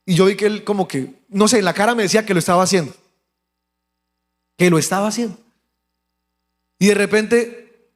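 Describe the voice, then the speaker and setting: A male pastor with a Colombian accent, telling a personal story in a sermon, acting out the voices of the people in it. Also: high-pitched. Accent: Colombian Spanish. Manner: animated storytelling, acts out quoted voices. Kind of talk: sermon testimony. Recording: long hall reverb.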